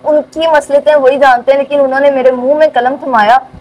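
A woman's voice: high-pitched, steady tone, fairly quick, a little mellow, rough recording. A young woman with a Pakistani accent, answering interview questions through a face mask. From rural southern Punjab, Pakistan. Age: young adult. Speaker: university student being interviewed. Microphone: speaking through a cloth face mask. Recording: faint ambient background noise.

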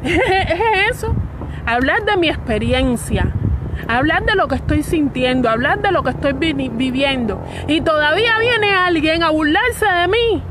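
A young woman with a Cuban accent, giving an emotional personal statement to camera outdoors, halting and repeating her words. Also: sits high, lively intonation, background noise. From Cuba. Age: young adult. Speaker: fired state worker speaking out.

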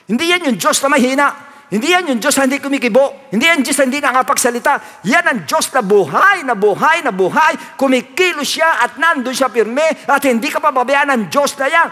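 A male pastor delivers a sermon in a very high voice, pressing his points through emphatic repetition and dropping into English phrases. His tone is bright and forward. The sound echoes with a long reverb, as in a large hall. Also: expressive, fairly quick. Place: church hall.

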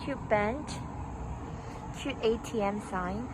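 A woman's voice: fairly high pitch, slow, background noise. A young woman vlogging casually on a trip, chatty and laughing often. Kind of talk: casual travel vlog chat.

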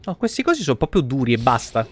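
Speaking quickly with big swings in pitch, this male streamer uses a mid-range voice to deliver crude, no-nonsense play-by-play to his viewers. He's in his home streaming setup, with game music in the background.

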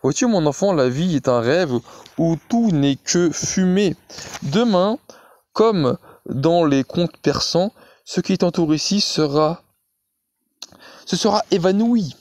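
A man voicing a passionate young countess speaking to her lover, his voice lifted higher and tender in an audiobook reading. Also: expressive, slow pace, darkish tone. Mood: pleading.

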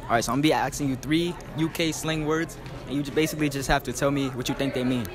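A young man runs a casual street interview with a mid-pitched voice. Music plays clearly behind him in a busy public setting. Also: fairly even intonation, quick pace. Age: young adult. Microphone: small handheld recorder.

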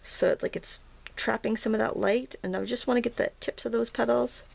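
A woman teaching watercolor talks through her painting at a table in a fairly high, steady voice that's a little fast and a little mellow. Morning has left her throat froggy, so she sounds slightly hoarse and gravelly with vocal fry. She chats away casually, full of ums and restarted sentences.

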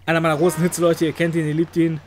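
A man's voice: a little high, monotone, fast talker. A man hosting a let's play, joking with the game characters and letting out silly exclamations. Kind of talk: playful gameplay commentary.

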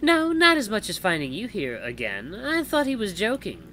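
A man's voice: high-pitched, wildly swooping pitch, moderate pace, bright, forceful tone, slight background noise, pitched above the performer's own voice, exaggerated voice. A man voicing a teasing, wry female beast-folk villager as he reads a visual novel aloud, with a dry, mocking way of talking.

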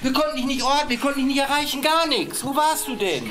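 A woman's voice: high voice, animated, quick pace, a bit bright, a little hiss or hum. A woman playing a worried, flustered middle-aged mother who repeats herself, in a scripted reality TV show.

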